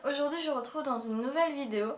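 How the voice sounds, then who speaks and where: A woman's voice: high voice, racing. A young woman chatting casually in a beauty haul vlog, full of fillers and restarts. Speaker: beauty vlogger. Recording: echoey room with faint noise.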